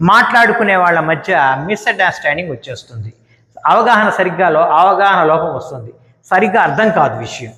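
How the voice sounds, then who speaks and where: A man teaching English word stress, explaining slowly and repeating each example word. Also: high voice, sharp tone. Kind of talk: spoken grammar lesson. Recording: echoey room with long reverb.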